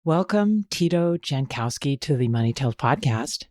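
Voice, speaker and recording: A man co-hosting a podcast in a medium-pitched voice. He asks curious questions and jumps in with quick follow-ups. The sound is dry and close, with no room echo. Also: animated, darkish tone. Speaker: podcast co-host.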